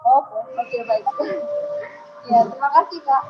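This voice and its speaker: A woman's voice: high-pitched, measured pace, highs cut off, background noise. A woman from Indonesia calling in to politely ask a question in a casual way. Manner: polite, asks plainly. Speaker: caller asking a question.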